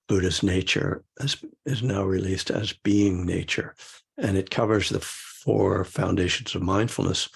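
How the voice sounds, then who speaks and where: A man's voice: sits low, vocal fry, slightly rough. An older man and meditation teacher gives a rambling, casual dharma talk, chuckling often and full of fillers.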